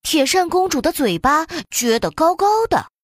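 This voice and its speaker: A woman narrating a children's storybook in an expressive, sing-song storytelling way. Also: high-pitched, measured pace, no room sound, studio quality.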